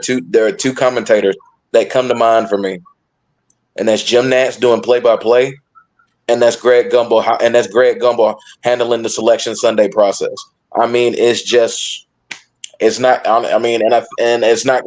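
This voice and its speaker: A man on a sports podcast panel talks casually, emphatic yet halting, often repeating and reworking his phrases. His voice is medium-pitched with a darkish tone.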